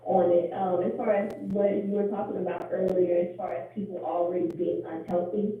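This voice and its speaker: A woman caller, her voice muffled as if it came through a wall, reaches the show over a tinny phone line. She sounds distant, set in a heavy echo. She talks in a halting, hesitant way, full of pauses. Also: fairly low pitch, fairly even intonation. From Chicago. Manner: hesitant, many um's while telling a story. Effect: muffled, as if heard through a wall. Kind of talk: casual phone call. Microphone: wireless earbuds on a phone call.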